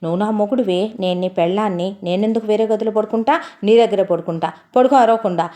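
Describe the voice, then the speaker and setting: A woman's voice: mid-range voice, quick pace, dark tone, natural voice. A woman voicing a bold young village wife who insists on getting her way, speaking in a raised, nagging tone.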